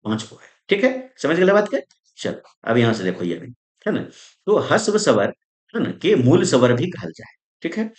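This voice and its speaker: A male grammar teacher, teaching in a lively, sing-song way that rises and falls. His voice rings around an echoey room. He fires questions at the class, answers them himself and keeps checking that everyone follows. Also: on the high side. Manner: constant checks like "isn't it?" and "okay?". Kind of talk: exam-prep grammar lesson.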